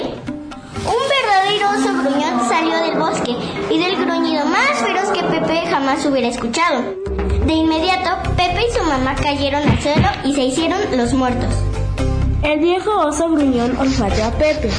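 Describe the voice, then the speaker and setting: Woman, children's storyteller, high-pitched voice, roomy echo, scripted narration, music behind.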